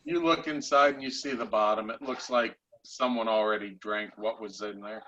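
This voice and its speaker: A man acting as game master, narrating and explaining a tabletop game haltingly, pausing mid-sentence. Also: lowish voice, fairly even intonation, sharp tone, lo-fi sound.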